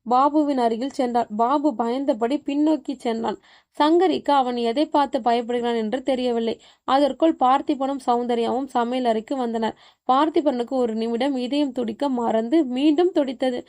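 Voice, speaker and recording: A woman reading a horror story aloud as a storyteller, in an even, measured way. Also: high voice. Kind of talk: scripted horror story narration.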